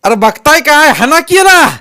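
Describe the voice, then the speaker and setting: A man's voice: big pitch swings, normal speed, sharp tone, heavily acted. A man voicing a blustering village headman, a bully who turns into a coward. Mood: shrieking. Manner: shrill, blustering, panicky.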